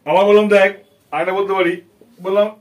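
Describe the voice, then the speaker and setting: A man's voice: sits high, steady tone, fast talker. A man teaching an English grammar lesson to children, with a Bengali accent, patiently repeating points and quizzing his students. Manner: patient, repetitive, asks students questions.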